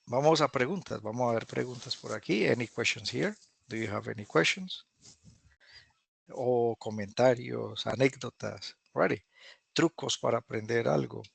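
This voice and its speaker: Male teacher, heavy vocal fry, dry video-call audio, patient and repetitive. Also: medium pitch, no room sound. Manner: patient, repeats phrases slowly for drilling. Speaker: English teacher. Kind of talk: online class teaching.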